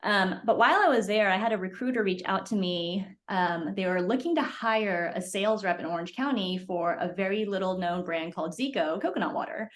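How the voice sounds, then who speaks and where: Speaking fairly quickly with few pauses, this medium-pitched woman is a podcast guest in her forties from Hong Kong who founded a drinks business. The interview is relaxed and chatty; she fills her speech with fillers and laughs as she goes.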